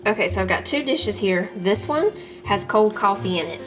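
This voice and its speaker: A woman with a homey Southern US accent talks her way through her garden and kitchen in a relaxed vlog. She is chatty and laughs easily, with a mid-pitched voice. Clear background music plays under her. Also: moderate pace. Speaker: home cook and gardener, channel host. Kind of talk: casual garden and cooking vlog.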